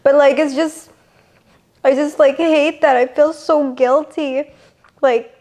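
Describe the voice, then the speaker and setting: A young woman from the Philippines, a mother, speaking softly and haltingly with many fillers in a casual podcast conversation. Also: sits high, fairly even intonation. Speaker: podcast co-host.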